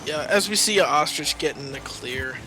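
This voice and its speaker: A man's voice: on the high side, expressive, moderate pace, music in the background. A young man giving analytical color commentary on an esports match, with frequent ums and easy laughter. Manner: analytical, filler-heavy, laughs easily.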